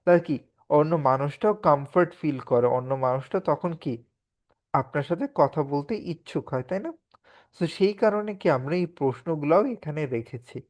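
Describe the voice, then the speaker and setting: A man's voice: on the high side, normal speed. A man with a Bangladeshi accent teaching a spoken English lesson in an online class, explaining patiently and often checking with the students.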